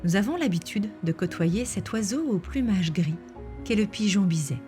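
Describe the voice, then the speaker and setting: A woman reading scripted nature documentary narration in a measured, explanatory way. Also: medium pitch. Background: background music.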